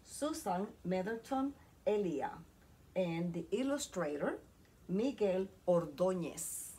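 A woman helping with a children's storytime, chiming in one word at a time on cue. Her voice is very husky and breathy. She speaks slowly, with a lively, varied pitch. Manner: supplies single words on cue. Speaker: guest translator. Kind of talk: reading in words during a storytime.

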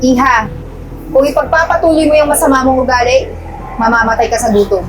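A stern beggar woman, played by an actress, hands down a curse in slow, grave words. Music plays underneath the scene. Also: sits high, fairly even intonation, natural voice, low-quality recording. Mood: ominous.

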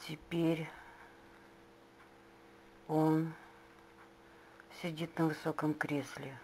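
A woman dictating her visions into a dictaphone in short, halting phrases. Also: sits low, little pitch movement, dark tone. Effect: dictaphone recording. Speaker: clairvoyant describing visions. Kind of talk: dictated monologue. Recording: dictaphone with faint hiss.

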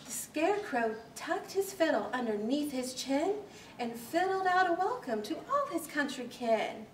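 A librarian leads storytime indoors in a little library's children's corner, reading a rhyming picture book in a highish voice that's slow, deliberate, rhythmic and animated. The camera capturing her is a few metres away, so the audio is roomy and echoey with a faint hiss.

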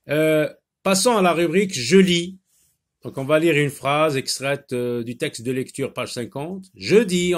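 A man teaching a phonics lesson to children, stretching out sounds and words and pausing on hesitation fillers. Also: mid-range voice. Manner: slow, drawn-out repetition of sounds and words.

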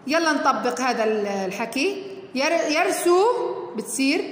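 High-voiced teacher in echoey room. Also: female voice, lively intonation, normal speed. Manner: encouraging, step-by-step explaining, calls pupils heroes. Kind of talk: recorded worksheet lesson for fourth grade. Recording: echoey room with long reverb, faint noise.

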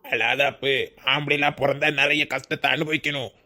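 A man's voice: on the high side, fairly even intonation, normal speed, sharp tone. A man voicing a blunt older laborer in a cartoon who scolds and consoles a crying friend. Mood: gruff consoling. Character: gruff older male laborer, blunt advice-giver.

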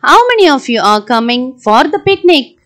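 A woman doing a high, sing-song schoolchild. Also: very animated, normal speed, fairly bright tone. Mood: cheerful. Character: cheerful schoolchild Kavi, friendly. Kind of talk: school puppet show voice acting.

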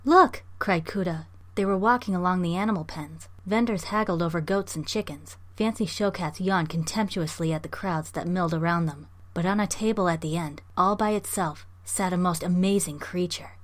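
A woman reviewing a novel and reading passages from it aloud in a measured, clear narration. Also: lowish voice. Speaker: book reviewer and reader.

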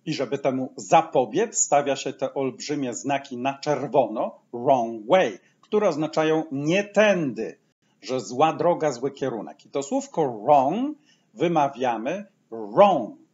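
A man gives a patient language lesson, lingering over each example and repeating it slowly. His pitch rises and falls in a lively way. The recording sounds dull and lo-fi. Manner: says each English phrase slowly twice, explaining patiently. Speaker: English teacher.

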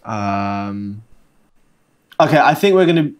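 A man's voice: lowish voice, sing-song, takes it slowly, a little hiss or hum. An actor playing a playful young man with a London accent, bantering on a video date in a game. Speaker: dating-game character. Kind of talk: scripted video-date acting.

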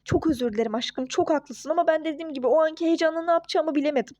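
A woman voicing a young husband and father in a home-made toy-game role-play, who pleads apologies and gushes with excitement. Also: sits high, racing, no room sound, lightly acted. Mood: pleading.

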